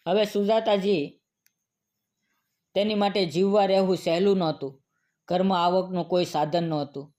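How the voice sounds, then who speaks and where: A man with a high-pitched voice narrates a moral storybook tale. His reading is solemn and evenly paced, in a plain scripted style. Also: fairly even intonation, normal speed, long pauses, darkish tone.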